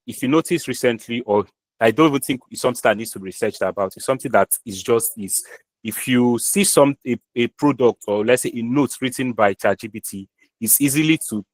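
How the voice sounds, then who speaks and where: Through a rough recording on an online meeting call, a man with a lowish voice and a Nigerian accent gives a live lecture, explaining step by step with fillers and restarts.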